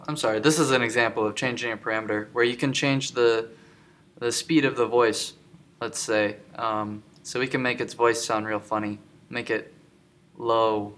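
Slow, bright-voiced man explaining software. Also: fairly low pitch, slight background noise. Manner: explanatory, many filler ums. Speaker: tutorial instructor. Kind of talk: screen-recorded software tutorial.

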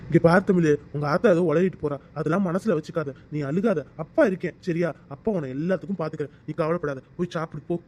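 A man voicing a gentle village father in a cartoon, talking softly and patiently as he comforts his daughter. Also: high voice, animated, normal speed. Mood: tender. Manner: soft, consoling, patient. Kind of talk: cartoon voice acting.

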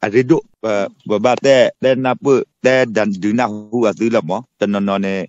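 Fast-talking low-voiced man, lo-fi. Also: steady tone, a little mellow. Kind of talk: casual chat.

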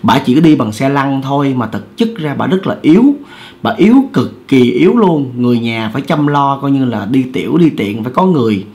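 A man's voice: mid-range voice, expressive, brisk, darkish tone. A man, hosting and casually telling a ghost story in a conversational, repetitive way that speaks directly to the listeners. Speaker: storyteller host.

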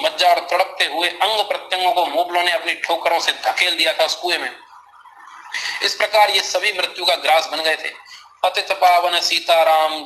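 A man's voice: sits high, pushed and bright, a little hiss or hum, rough recording. A man narrating an audiobook in a grave, dramatic reading style.

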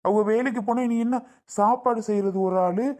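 A woman's voice: fairly high pitch, brisk, warm tone, lightly acted. A woman playing a grown son who lectures his mother in a family comedy skit, pleading then scolding. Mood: exasperated.

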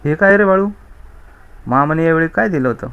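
An exasperated mother scolds her foolish son, her voice lifted and sharp with reproach, as a male storyteller puts her on. The telling has the plain cadence of a read-aloud storybook. The recording sounds slightly muffled and lo-fi. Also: on the high side, animated, brisk, clean tone, voice pushed up. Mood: scolding. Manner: scolding, raised voice.

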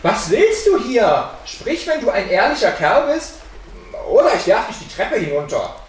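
A woman's voice: medium pitch, very animated, moderate pace, slight background noise, pitched above the performer's own voice, close to an everyday voice. A woman voicing a simple, fearless young boy with eager, earnest pleading. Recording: echoey room from far off.

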